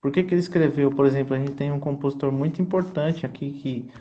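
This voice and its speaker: Earnest choir conductor, dull lo-fi audio. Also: male voice, medium pitch, fairly even intonation, fast, slight background noise. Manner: earnest, teacherly, keeps checking in with the listener. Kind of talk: explanatory conversation.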